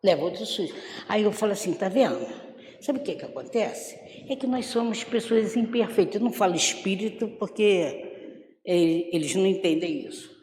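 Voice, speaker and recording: An older Brazilian woman giving a spiritist gospel talk, unhurried and storytelling, acting out the voices of people she quotes. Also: medium pitch, animated, a little mellow, slight background noise. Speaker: spiritist lecturer. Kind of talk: gospel talk with personal stories. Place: lecture hall of a spiritist center. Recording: echoey hall.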